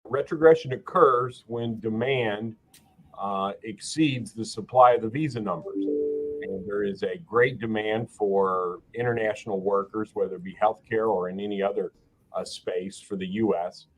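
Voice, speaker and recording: A man who works as an immigration attorney, giving a measured explanation with frequent pauses marked by "uh". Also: lowish voice, soft background music, rough recording. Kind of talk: expert explanation.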